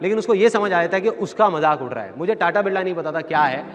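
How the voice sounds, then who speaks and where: A man giving a motivational seminar talk, animated storytelling that acts out family members' voices, before a live audience. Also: high voice, fast. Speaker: motivational speaker. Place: large hall with a live audience. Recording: echoey hall with background music.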